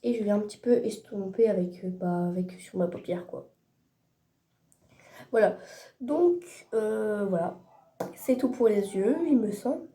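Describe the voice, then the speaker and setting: A woman's voice: medium pitch, a little slow, pauses often, warm tone, roomy sound. A teenage girl giving a casual makeup tutorial at home, chatty and hesitant, searching for words and correcting herself. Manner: chatty, hesitant, many fillers and self-corrections. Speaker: beauty vlogger.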